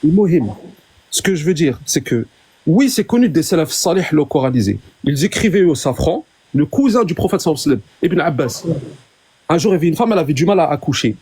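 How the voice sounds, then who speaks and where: A man with a fairly high, mellow and husky voice speaks as a guest in a casual live debate. He explains insistently, often doubling back on his words. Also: sing-song, fast talker.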